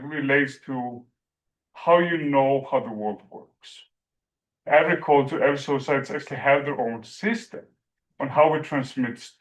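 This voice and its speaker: A man from Iceland with an Icelandic accent gives an academic presentation, speaking haltingly with lots of fillers like "like" and "you know." His voice is medium in pitch, and the recording quality is low.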